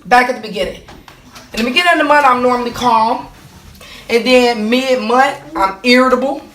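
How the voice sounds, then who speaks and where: A woman's voice: a little high, moderate pace, fairly bright tone, recorded from a distance, slight background noise. A woman explaining her monthly cycle in a casual way, asking herself rhetorical questions, answering them, and checking in with "okay?" and "right?". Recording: echoey room.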